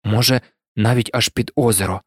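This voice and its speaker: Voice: medium pitch, steady tone, moderate pace, no echo, clean studio sound, voice pushed down, close to an everyday voice. A narrator voicing a loyal young male wizard who speaks bluntly.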